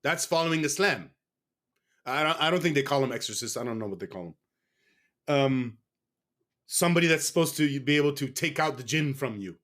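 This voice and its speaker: A man's voice: mid-range voice, expressive, brisk, long pauses, fairly bright tone. A man from the United States speaking in a casual interview as a guest, candid and rambling, often stopping to correct himself.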